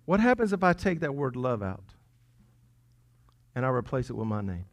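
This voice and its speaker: Man pastor preaching; easygoing, teasing, punches key lines then drops low. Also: sing-song, moderate pace. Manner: conversational and playful, swinging between loud emphasis and quiet asides. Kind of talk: sermon. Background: congregation chuckling.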